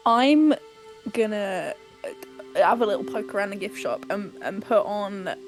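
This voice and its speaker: A woman chats casually as a player in a tabletop game. Her pitch is average, and she thinks aloud playfully with halting turns. Music plays clearly in the background. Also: lively intonation, poor audio. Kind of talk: casual chat, playing a game.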